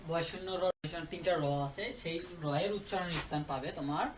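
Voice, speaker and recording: This tutor's voice is a little high and brisk as he walks through a grammar lesson, asking again and again if students follow. He sits away from the mic, so there's roomy echo along with background noise.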